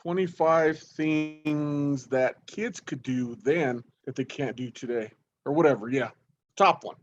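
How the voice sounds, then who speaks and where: A man's voice: a little high, unhurried, lo-fi sound. A man hosting a casual online chat show, talking in a drawling, playful way over a video call. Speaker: channel host.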